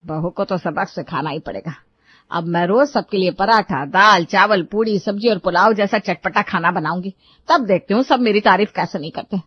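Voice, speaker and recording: A woman voicing a sharp-tongued traditional mother-in-law who scolds loudly in a cartoon story. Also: normal speed, breathy edge, lightly acted. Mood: bossy. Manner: scolding, shrill and loud. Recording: dull lo-fi dry recording.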